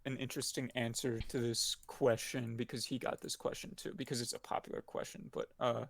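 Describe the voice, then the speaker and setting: A man's voice: mid-range voice, level tone, a little fast, vocal fry, no room sound. A man, a guest in a casual discussion, talking loosely with lots of "like".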